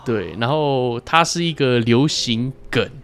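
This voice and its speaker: A man's voice: mid-range voice, lively intonation, a little slow, fairly bright tone, clean tone. A man with a Taiwanese accent hosting a casual podcast guessing game, explaining things playfully.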